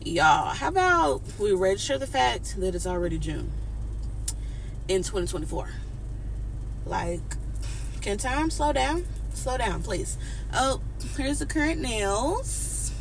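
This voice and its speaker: A woman's voice: a little high, big pitch swings, slow pace, creaky, long pauses. A woman vlogging in a casual, upbeat way who keeps calling her viewers honey and y'all. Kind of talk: casual chatty vlog talk. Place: inside a car. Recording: car noise in the background.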